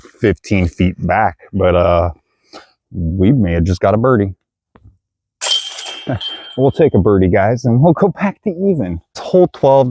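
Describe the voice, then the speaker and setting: A man with a deep, slightly mellow voice vlogs his disc golf round outdoors, chatting casually with viewers and calling them guys as he narrates his play. He sounds out of breath on the hilly course, and the recording has no room sound.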